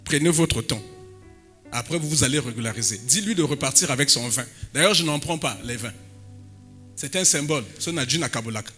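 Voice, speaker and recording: A man preaching a sermon as pastor, breaking into sudden loud emphatic bursts and dropping in Lingala phrases. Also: mid-range voice, lively intonation, fast talker, faint music behind.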